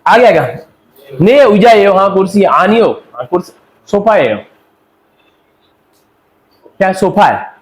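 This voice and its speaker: A man's voice: high-pitched, lively intonation, a little slow, pauses often, roomy sound, rough recording. A man from Pakistan teaching a Korean language class, drilling students by asking questions and answering them himself. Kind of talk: classroom lecture.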